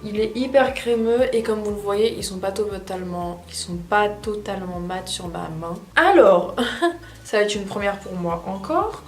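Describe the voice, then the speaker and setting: A woman talks through a makeup test in a loose, rambling way, often pausing to hesitate. Her voice rings in an echoey room, with faint music underneath. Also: medium pitch. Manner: chatty, rambling, frequent hesitations. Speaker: beauty vlogger. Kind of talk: casual makeup tutorial chat.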